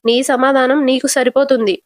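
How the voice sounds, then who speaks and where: A woman voicing a stern middle-aged mother who scolds firmly, quoted while retelling a TV serial scene in her own fairly high voice. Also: little pitch movement, moderate pace, dry recording, clean studio sound, natural voice. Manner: firm, scolding tone.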